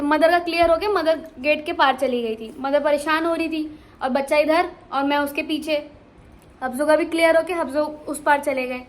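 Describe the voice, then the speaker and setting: Young woman, high voice, casual vlog storytelling, animated, lots of restarts. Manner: animated, many restarts and fillers. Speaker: vlogger.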